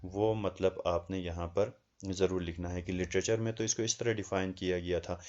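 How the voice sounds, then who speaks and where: A man's voice: deep voice, fairly even intonation, a little mellow, dull audio. A man with a Pakistani Urdu accent, teaching a lesson and explaining a research assignment step by step with frequent hesitations. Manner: explains slowly with many hesitations, reads questions aloud in English.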